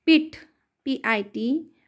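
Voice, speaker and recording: A woman teaching English reading, sounding out words letter by letter in a patient, slow phonics lesson and correcting herself along the way. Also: high-pitched.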